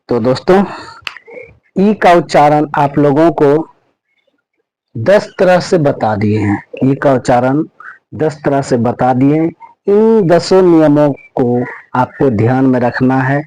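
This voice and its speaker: A man's voice: medium pitch, slow pace, long pauses, dark tone, dry recording, poor audio. A male teacher explaining pronunciation rules step by step. He repeats himself often and keeps checking in with his students. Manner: repetitive, checks in constantly with "okay"; spells out letters and sounds step by step. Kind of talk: classroom-style lesson explanation.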